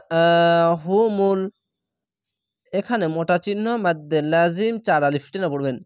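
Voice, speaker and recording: A man's voice: fairly high pitch, fast talker, no room sound, studio quality. A man teaching Quran reading, spelling each syllable and then drawing out the recited word.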